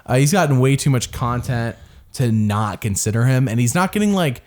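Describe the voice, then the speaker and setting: Laughing a lot and often starting over, a male podcast co-host rambles casually about a reality show. His mid-range voice is expressive, and his pace is moderate.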